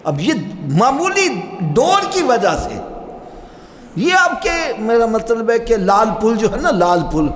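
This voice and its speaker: A middle-aged man preaching a sermon, telling stories and speaking directly to his listeners. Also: very high voice. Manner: animated, storytelling with rising emphasis and asides to listeners. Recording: long reverb hall with faint ambience.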